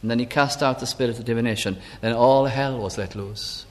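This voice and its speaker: A man preaching a sermon, telling a personal story slowly and deliberately. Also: medium pitch. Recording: long hall reverb.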